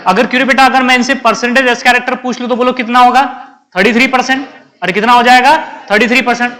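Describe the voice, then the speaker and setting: High, bright-voiced male chemistry teacher. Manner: quizzing students, answering his own questions; scolds inattentive students. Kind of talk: classroom lecture in Hindi. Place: classroom with students.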